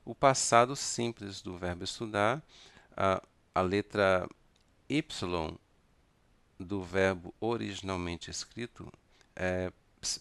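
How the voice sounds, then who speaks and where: A man with a Brazilian Portuguese accent teaching an English grammar lesson, speaking deliberately and spelling words out letter by letter. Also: deep voice, creaky, fairly bright tone, no echo.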